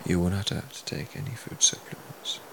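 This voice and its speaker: A man speaking as a hypnotherapist, leading a guided relaxation in a soothing, deliberate way with hushed phrase endings. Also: noisy background.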